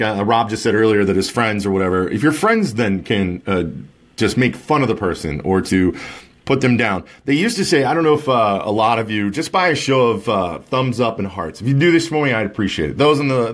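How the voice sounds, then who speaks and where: Man, forties, podcast host, casual chat, rambling, jokey, middle pitch. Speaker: podcast and Facebook Live host.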